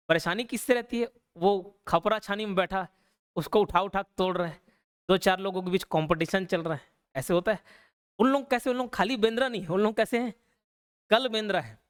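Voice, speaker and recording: A man teaching an online exam-prep class, repeating words slowly and often checking in with "okay?". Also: sits high, smooth. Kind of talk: explanatory lecture.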